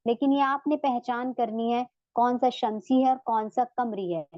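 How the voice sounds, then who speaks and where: A woman teaches an online tajweed class, her voice slightly high and unhurried as she patiently walks through each example. The sound is dry and a little dull, with a lo-fi edge. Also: steady tone, no room sound. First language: Urdu. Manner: patient, repeats examples slowly. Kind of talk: online lesson explanation.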